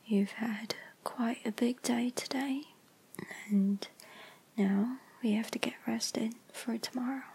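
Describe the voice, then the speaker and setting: A woman speaks in an airy, breathy whisper with almost no voice behind it, and she lingers on every word at a very slow pace. It is gentle, lulling ASMR comfort roleplay, whispered close to the microphone. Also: a little high, steady tone. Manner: soft unvoiced whisper, soothing and lulling. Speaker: ASMR creator.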